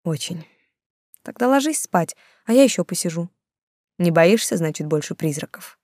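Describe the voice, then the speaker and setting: A woman voicing a calm, measured middle-aged male detective in an audiobook. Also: fairly low pitch, dry recording, clean studio sound.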